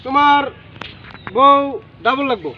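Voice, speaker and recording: A man playing a fake male holy man in a comedy skit, intoning slowly with long ritual hums. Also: very high-pitched, dull audio. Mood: commanding.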